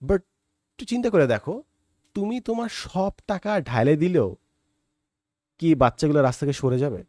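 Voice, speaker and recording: Speaking straight to his audience, this Bangladeshi monologue host muses conversationally in Bengali, slipping in English words. His fairly high, mellow voice is animated, moving at a moderate pace with long pauses, captured in clean studio sound without echo.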